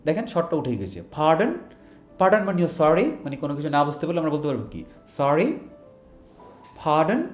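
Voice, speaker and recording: A man with a Bangladeshi accent teaches an online English lesson, his slightly high voice swinging up and down as he poses questions and answers them. He demonstrates rising intonation on sample questions. The sound is roomy and echoey, with faint music beneath. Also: darkish tone. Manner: asks rhetorical questions and answers them himself.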